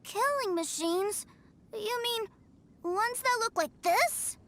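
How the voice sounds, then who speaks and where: A woman's voice: extremely high pitch, lively intonation, slow, a bit bright, exaggerated voice. A woman voicing an innocent, trusting, stubbornly loyal little boy in a video game, with an earnest, boastful childlike manner. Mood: indignant.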